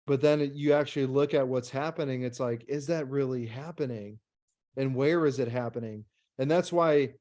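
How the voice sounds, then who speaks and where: A man's voice: medium pitch, darkish tone. A man speaking as a guest coach on a video call, explaining earnestly. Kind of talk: casual video call chat.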